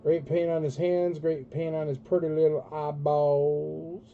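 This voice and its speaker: A man's voice: on the high side, level tone, unhurried, narrow, tinny audio, faint music behind. A man working as an auctioneer on a live sale, talking in informal patter with emphatic calls. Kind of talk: auctioneer running a casual live collectibles sale.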